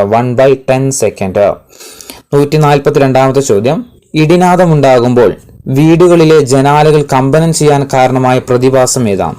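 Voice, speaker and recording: A man reads exam-prep quiz questions at a middle pitch, saying each one twice. He then gives every answer slowly and firmly, like a tutor drilling students. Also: darkish tone.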